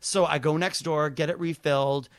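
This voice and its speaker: Chatty American man, higher-pitched, dry close sound. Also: normal speed, no room sound. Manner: animated retelling with quoted dialogue. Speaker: stand-up comedian. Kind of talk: casual conversational storytelling.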